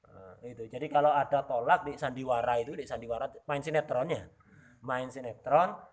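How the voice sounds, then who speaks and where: Indonesian teacher. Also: male voice, on the high side. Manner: explains and asks the class "Paham ya?"; mixes in Arabic text and Javanese asides. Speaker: religious teacher. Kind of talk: kitab study lesson.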